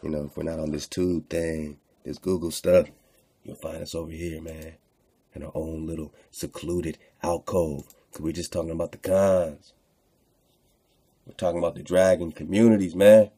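An online radio host with a slightly rough bass voice and dark tone reads texts aloud and comments on them casually. His pitch barely moves and his pace is moderate, and he repeats phrases for emphasis while addressing listeners in slang.

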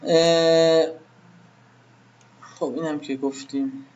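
A man's voice: a little high, little pitch movement, darkish tone, muffled recording. A man teaching web design to a live class in an informal way, asking the students questions and then answering them himself.

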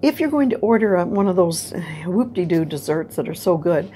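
An older woman hosting a casual diet lesson at a whiteboard, chatty and animated, often checking in with "right?", recorded from a camera at medium distance. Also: on the low side, moderate pace, slight background noise. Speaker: health and diet video host. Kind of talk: casual instructional talk at a whiteboard. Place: indoor room before a whiteboard.

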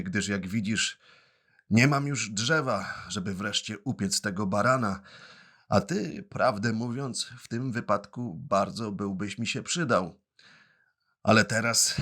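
Gruff bearded giant puppet-show boss, hoarse and booming, read by a man. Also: heavily acted. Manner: loud shouting orders, sneezes.

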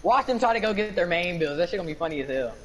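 A man's voice: high voice, expressive, very fast, a bit bright. A man gaming with friends, barking out plays and cussing at opponents. His voice swings up and down a lot, with faint noise in the background. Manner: trash-talking, profane, calling plays to teammates. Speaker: gamer playing online basketball with friends. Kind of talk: casual gaming chat.

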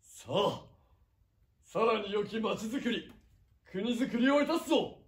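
Man as stately warlord, lordly archaic delivery, high-ish lively voice, distant and roomy. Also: measured pace. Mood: commanding. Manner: archaic lordly speech, booming declarations. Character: proud, stately feudal warlord, adult man. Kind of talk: costumed stage skit. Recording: echoey hall heard from far off.

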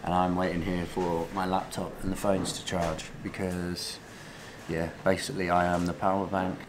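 A young man, chatting casually to camera on a travel vlog, jokey and quick to laugh. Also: low voice, level tone, background noise. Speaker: vlogger. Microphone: handheld camera close to face.

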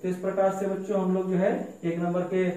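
A male math teacher, explaining a classroom lesson slowly and step by step to children. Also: sits high, completely flat delivery, mellow. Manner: slow, repetitive explaining, addresses children directly. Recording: very echoey room, mic far off.

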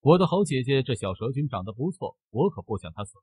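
A treacherous three-tailed fox-demon girl teases and schemes, as a man voices her in a comic-book recap. Her voice is husky and swings widely in pitch, and the sound is dry. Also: very animated, fast talker, mellow, no echo. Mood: sly. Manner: teasing, scheming.

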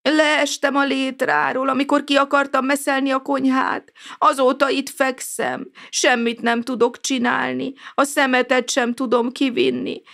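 A woman voicing a grumpy, injured old male cockroach neighbor in a storybook, speaking slowly and drawing out her words. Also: high-pitched, little pitch movement, vocal fry, a bit bright, pitched above the performer's own voice. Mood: sorrowful. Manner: grouchy then apologetic, slow and drawn out.

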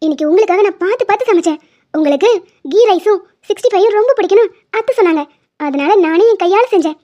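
A woman's voice: very high-pitched, quick pace, warm tone, lo-fi sound. Woman voicing a coy teasing young wife.

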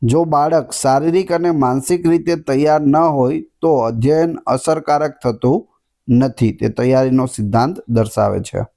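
A man's voice: medium pitch, fairly even intonation, measured pace, vocal fry, warm tone. A man teaching an exam-prep lesson, reading out each question and then giving its answer.

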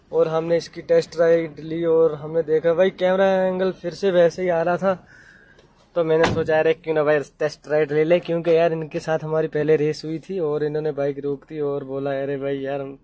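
High-voiced man bantering loudly. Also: flat delivery, moderate pace, slight background noise. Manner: loud, pushy, teasing. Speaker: vlogger pulling a prank. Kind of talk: casual prank vlog banter. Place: outdoors by the road with motorbikes.

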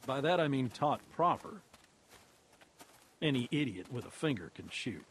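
An actor voicing a gruff, weathered older man in a game, plain-spoken and dry as he tells hunting stories. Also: mid-range voice, very animated, normal speed, a little hiss or hum, natural voice. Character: gruff weathered older uncle, folksy storyteller. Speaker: game character.

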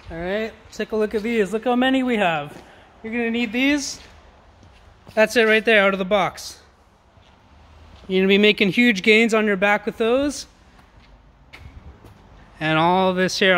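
Noticeable warehouse noise surrounds a man promoting auction goods on an informal walkthrough of a large indoor showroom, his sales talk lively and full of slang. His voice sits high and sounds a bit bright.

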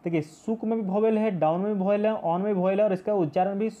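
A man's voice: sits high, fairly even intonation, racing, muffled recording. A male teacher explaining a poem in a class video, patient and repetitive, mixing English terms into his speech. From India.

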